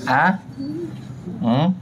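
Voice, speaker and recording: A man handing out aid, talking casually and comforting an old woman, repeating himself and rising high in pitch. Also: lively intonation, extremely slow, noisy background. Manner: coaxing and repetitive, voice rising high when comforting. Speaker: charity vlogger handing out aid.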